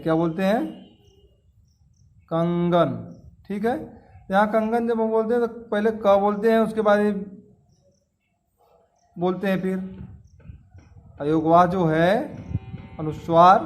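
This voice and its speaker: Male schoolteacher, high voice, drills terms, asks the class questions. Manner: repeats key terms, quizzes students with questions. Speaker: teacher. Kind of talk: classroom grammar lesson.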